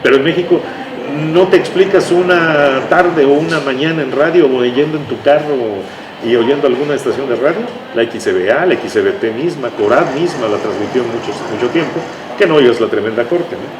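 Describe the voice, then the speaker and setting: Here an older man with a Mexican accent, guesting on an interview, looks back on the past in a conversational way at a medium pitch. His explanations come out haltingly, and he often checks whether you agree. Echo and clear background noise mark the room.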